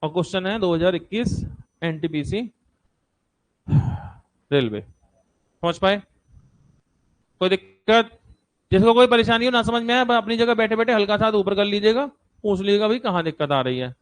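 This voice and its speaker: High-voiced Hindi maths teacher lecturing. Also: male voice, normal speed, long pauses. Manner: repeats numbers and steps aloud, checks in with students. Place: classroom with seated students.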